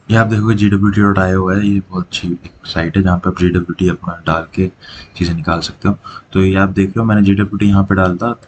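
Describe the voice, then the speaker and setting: A man with a very low voice gives a casual coding lesson, talking through each step and checking in often with short asides. A faint hiss of noise sits under the recording. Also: a little mellow, low-quality recording. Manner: explains step by step with frequent "theek hai" check-ins and fillers. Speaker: programming teacher.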